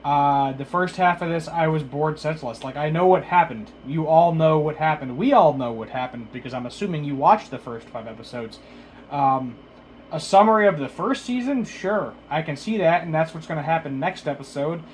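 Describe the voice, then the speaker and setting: A man's voice: fairly high pitch, animated, normal speed, a little hiss or hum, poor audio. A man giving a casual, unscripted recap as a video reviewer, rambling and correcting himself, his speech slightly slurred from a mouth numbed at the dentist. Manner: hesitant, rambling, self-correcting.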